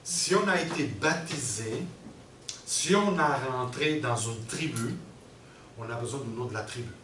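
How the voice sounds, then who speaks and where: A man's voice: mid-range voice, lively intonation, measured pace. A middle-aged man, presenting a workshop and explaining step by step, often checking in with his audience. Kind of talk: teaching a workshop. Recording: roomy and distant with background noise.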